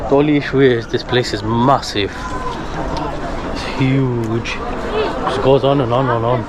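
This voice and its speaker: A man of average pitch presents a casual vlog as its host. He talks in a chatty commentary style out in a busy bazaar, with heavy crowd chatter and traffic noise around him. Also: fairly even intonation, a little slow. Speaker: vlogger host. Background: crowd chatter and street noise.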